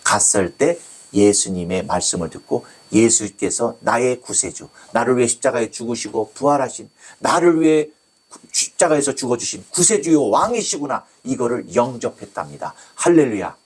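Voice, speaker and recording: Male pastor, sermon storytelling, husky edge, very lively pitch, acts out quotes. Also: moderate pace. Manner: storytelling with acted quotes, exclaiming.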